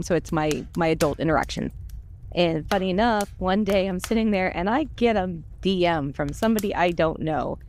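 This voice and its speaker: A woman who voice-acts for a podcast chats casually and tells personal stories in a candid, self-deprecating way. Her voice is on the low side and a little mellow, with slight background noise.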